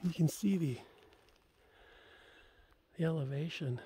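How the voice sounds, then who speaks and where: A man's voice: on the high side, slow pace, mellow, poor audio. A man casually giving a walking tour of rural land, rambling and repeating words as he goes, filmed on a phone outdoors. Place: outdoors in open grassland. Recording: outdoor phone audio with wind noise.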